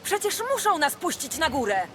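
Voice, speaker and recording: A woman's voice: high-pitched, very animated, fairly quick, a bit bright, a little hiss or hum. A woman voicing an impatient, alarmed resident in a video game. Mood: alarmed, indignant.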